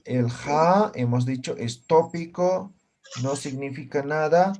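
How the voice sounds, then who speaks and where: A man's voice: mid-range voice, mellow. A man teaching a language class, patiently explaining and often checking in with his students. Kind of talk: classroom lesson.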